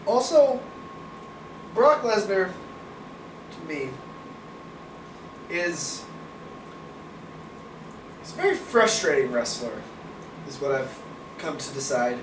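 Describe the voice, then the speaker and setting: A man's voice: a little high, sing-song, slow pace, pauses often. A man co-hosting a casual wrestling review podcast, giving strong opinions and swearing casually. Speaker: podcast co-host. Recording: roomy, distant mic, noisy background.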